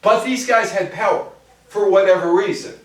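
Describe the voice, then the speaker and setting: This is a high-pitched older American man lecturing at a moderate pace. In an informal public talk on music history, he reads out quotes, comments on them, and tosses short asides to the listeners. The recording comes from a distant microphone in a very echoey room with an audience.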